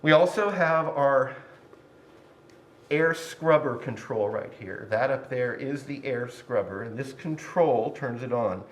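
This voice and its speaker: A man's voice: mid-range voice, lively intonation, takes it slowly. A man giving an informal, emphatic shop orientation as an instructor, speaking plainly through a face mask that slightly muffles him. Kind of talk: informal spoken orientation, explaining rules and equipment. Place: indoor woodworking shop. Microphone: distant microphone. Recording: very echoey workshop, distant mic, faint noise.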